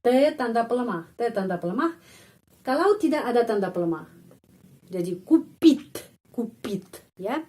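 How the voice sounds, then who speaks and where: Woman slowly modeling pronunciation as a teacher. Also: on the high side, lively intonation, darkish tone. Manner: slow, deliberate, repeats words to model pronunciation. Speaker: Russian language teacher. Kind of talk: pronunciation lesson.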